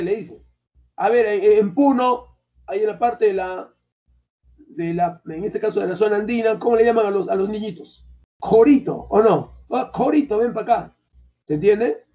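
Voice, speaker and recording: This is a classroom lecture by a language teacher from Peru, a man whose voice is high. He talks in a casual, colloquial way and quizzes students throughout, and the classroom recording is lo-fi and dull.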